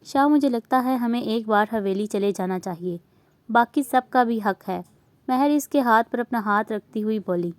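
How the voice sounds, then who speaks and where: A woman with an Urdu accent reading a romance novel aloud, voicing dialogue and narration in a steady, even way. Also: fairly high pitch, normal speed, dry recording. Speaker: novel reader.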